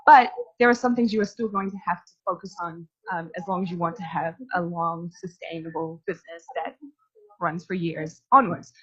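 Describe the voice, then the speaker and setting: A woman's voice: lowish voice, fairly even intonation, moderate pace, fairly bright tone, breathy edge, highs cut off. A young woman from New Zealand giving a casual, chatty workshop talk to a live audience, with lots of fillers. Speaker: workshop speaker.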